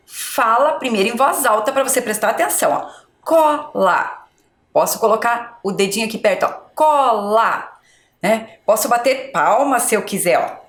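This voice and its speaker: A woman teacher with a Brazilian Portuguese accent leads a primary school video lesson. Her voice sits slightly high and moves lively up and down. She sounds out words slowly, syllable by syllable, and the echoey room rings around her. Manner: slow, syllable-by-syllable spelling for young children.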